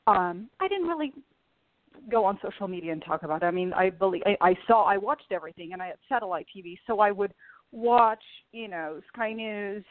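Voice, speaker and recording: A woman's voice: mid-range voice, expressive, fairly quick. Portuguese-born woman on a tinny line. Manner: hesitant, many fillers. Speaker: podcast guest. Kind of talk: remote interview. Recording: tinny phone-like line, dry.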